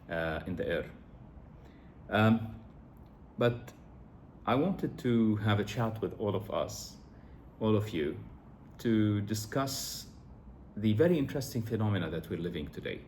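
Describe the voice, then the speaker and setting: A middle-aged Lebanese man vlogs to camera in a casual monologue, reflective and earnest, with frequent fillers and restarts. His voice sits low, and there is slight background noise.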